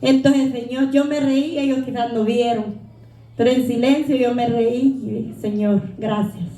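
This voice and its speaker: Speaking at a normal speed in a high, mellow voice with fairly even intonation, a middle-aged lay preacher gives a sermon that is humble, earnest, and conversational. The recording carries the echo of the church sanctuary where she preaches.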